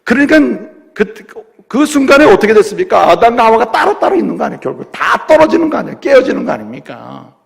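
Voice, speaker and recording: A man's voice: sits high, very animated, quick pace, vocal fry. A man preaching a sermon as a pastor, asking his congregation questions and acting out quoted voices. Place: church sanctuary. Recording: long reverb of a church hall.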